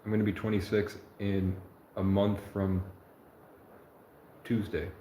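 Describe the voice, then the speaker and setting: Speaking at an unhurried pace, a young man in his twenties rambles earnestly through a livestream monologue and keeps correcting himself as he wanders between thoughts. His pitch is lowish and barely moves, and his tone is warm. Faint noise and echo fill the room.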